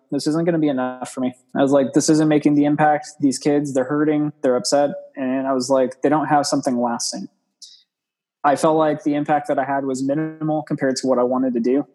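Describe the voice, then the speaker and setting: A man's voice: medium pitch, darkish tone, poor audio. A young man as an interview guest, telling his story in an earnest, rambling way and often quoting what he said to himself.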